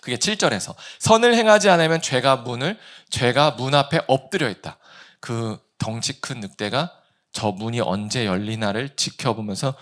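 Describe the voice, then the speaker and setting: A male pastor preaching a sermon, asking the congregation questions and acting out complaining voices in a raised pitch. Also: fairly bright tone. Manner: asks the congregation questions and answers them himself.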